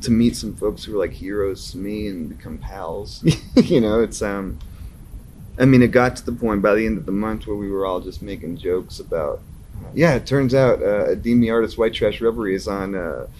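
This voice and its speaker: A man's voice: on the low side, moderate pace, a little mellow, slight background noise. A man in his thirties, a musician guest telling stories in a casual interview, laughing often and acting out his own reactions. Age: 30s.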